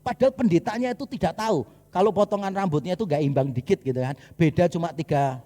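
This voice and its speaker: A man's voice: fairly high pitch, quick pace, dark tone. A man preaching a sermon as pastor, conversational and humorous, acting out little asides as he goes. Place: church hall. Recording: long hall reverb.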